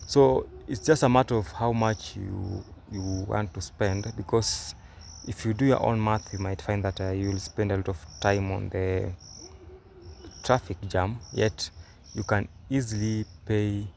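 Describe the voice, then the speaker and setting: A young Kenyan travel vlogger, Swahili being his first language, talks from a moving car on a phone recording, offering hesitant explanations with frequent fillers and restarts. His gravelly, darkish voice is on the low side, fairly even in intonation and a little slow, over slight background noise.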